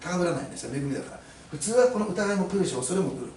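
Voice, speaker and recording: The voice sits high, racing and a little mellow, with lively intonation, as a male pastor addresses his congregation. The echoey church hall, distant mic, and light hiss frame his emphatic preaching and frequent rhetorical questions.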